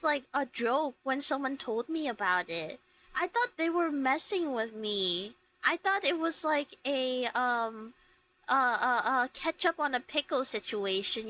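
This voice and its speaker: Female livestream host, casual and giggly; bright, forward tone with big pitch swings, expressive rambling chat. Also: rough recording. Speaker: livestream host, VTuber streamer. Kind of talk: casual chat with live viewers.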